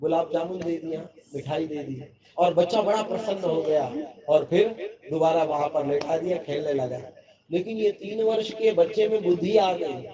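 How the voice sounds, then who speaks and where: A man's voice: on the high side, normal speed. A man giving a devotional sermon, telling a story in an emphatic, repetitive way. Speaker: preacher. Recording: dull lo-fi sound with a crowd behind.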